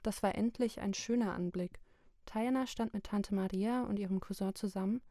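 A woman narrating a literary book chapter in a slow, measured, even reading. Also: medium pitch, no room sound, studio quality. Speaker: audiobook narrator.

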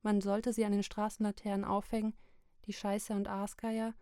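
A woman's voice: medium pitch, little pitch movement, normal speed, dark tone, dry recording, clean studio sound, natural voice. A woman reading the lines of an angry young male cousin, bitter and cursing. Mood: furious.

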